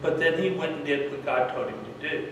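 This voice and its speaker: A man's voice: on the high side, brisk. Folksy man preaching, questioning style; very reverberant sanctuary, distant mic. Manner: folksy, asks rhetorical questions. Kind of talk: sermon. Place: church sanctuary. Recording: very echoey church, mic far off, faint hum.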